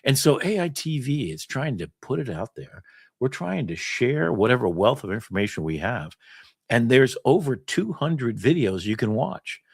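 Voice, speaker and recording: A man's voice: mid-range voice, big pitch swings, normal speed, vocal fry, slightly rough, no room sound, clean studio sound. A man hosting a casual live stream, talking animatedly and laughing often. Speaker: host. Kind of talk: casual livestream chat.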